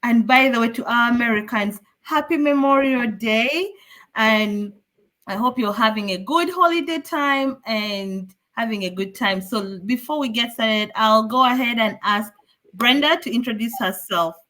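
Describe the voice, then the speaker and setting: Woman from Uganda hosting a live online show, upbeat and welcoming, fairly high voice. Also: unhurried, sharp tone. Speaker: host.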